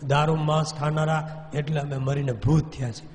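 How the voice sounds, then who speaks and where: A man voicing a crowd of tormented ghosts of slain soldiers, moaning and pleading in drawn-out cries, with a long hall reverb. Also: fairly high pitch, fairly even intonation, a little mellow, close to an everyday voice. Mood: confessing.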